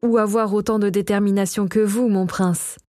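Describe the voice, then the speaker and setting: A woman's voice: medium pitch, steady tone, moderate pace, dark tone, dry recording, clean studio sound, lightly acted. A woman reading a courteous royal tutor. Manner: courteous and formal. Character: polite, deferential male royal tutor.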